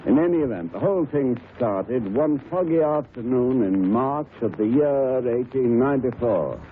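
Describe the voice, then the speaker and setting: A man's voice: mid-range voice, natural voice. A tinny 1930s radio drama recording with faint noise. A man plays a genial old English doctor, an avuncular storyteller who chats and savors his reminiscences. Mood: storytelling. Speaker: storyteller narrator.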